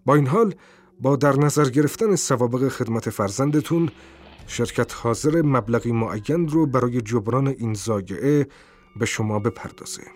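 A man's voice: medium pitch, a little mellow, natural voice. A man playing a hesitant, formal messenger. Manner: hesitant, formal, with many drawn-out ums.

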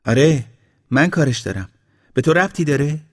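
A man voicing a snappish, worried village woman with a raised, higher voice. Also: warm tone, husky, in a large hall. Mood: sharp, worried.

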